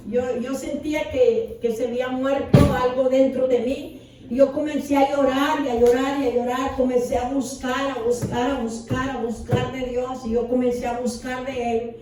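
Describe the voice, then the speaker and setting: A high-pitched woman pastor preaches a testimony sermon with passion, repeating her words again and again for weight. Her voice rings through a large echoing church and is heard from a distance, far from the microphone. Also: warm tone. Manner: impassioned, repeats words for emphasis. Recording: echoey hall from far off.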